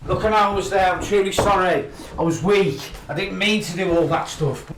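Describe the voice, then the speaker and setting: A man's voice: high-pitched, moderate pace, noisy background. An actor playing a guilty young man who cheated and desperately begs for another chance. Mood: pleading. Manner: pleading, desperate. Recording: echoey, distant from mic.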